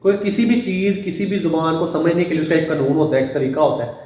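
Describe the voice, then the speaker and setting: A man's voice: fairly high pitch, a little mellow. A male teacher giving a classroom lecture, explaining step by step and often checking that students follow. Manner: explains slowly with repeated "ٹھیک ہے؟" checks. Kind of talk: classroom lecture on Urdu and Arabic. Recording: very echoey room, mic at a distance.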